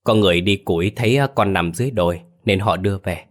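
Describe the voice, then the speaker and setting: A man's voice: fast talker, close to an everyday voice. A man voicing an older village mother in a ghost story, anxious and doting on her son, calling out in a raised, tearful voice. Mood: gentle worried. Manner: tearful crying out, raised pitch.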